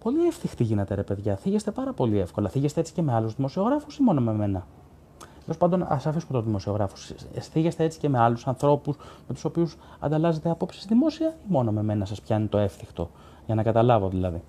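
A man's voice: mid-range voice, big pitch swings, mellow. A man hosting a live stream as a sports journalist, reading viewer comments aloud in casual commentary and arguing bluntly with them, with many fillers and restarts.

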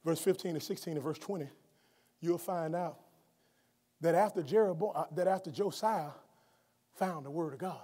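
A middle-aged man preaching a sermon at a lectern, moving from quiet explanation to shouted emphasis and often restarting his words. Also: fairly high pitch, normal speed, pauses often. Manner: stumbles and restarts often when speaking off the cuff. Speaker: guest preacher. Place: college chapel auditorium, at a lectern on stage. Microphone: lectern microphone, wide camera. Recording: long hall reverb from a large chapel.

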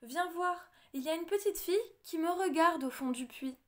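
A woman voicing a playful, trusting little princess girl with high, eager childlike calls in a storybook reading. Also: normal speed.

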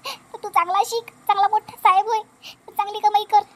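Woman voicing a shrill, indignant elder sister-in-law. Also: steady tone, brisk, fairly bright tone. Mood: tearful. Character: proud, scolding elder sister-in-law, middle-aged woman.

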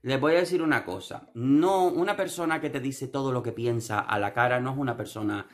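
A man's voice: mid-range voice, fairly quick. A young man with a Canarian Spanish accent giving sarcastic, theatrical commentary on a reality show. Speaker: TV commentary vlogger.

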